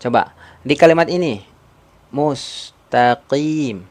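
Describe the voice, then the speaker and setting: Patient male tajweed teacher on a live stream. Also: mid-range voice. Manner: patient, repeats points, drills pronunciation slowly; coaxes viewers to answer in comments. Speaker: Quran recitation teacher.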